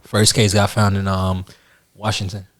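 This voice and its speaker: A man co-hosting a podcast, telling loose slang-heavy stories in casual chat that often trail off quietly. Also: low-pitched, little pitch movement, measured pace, slight background noise. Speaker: podcast co-host.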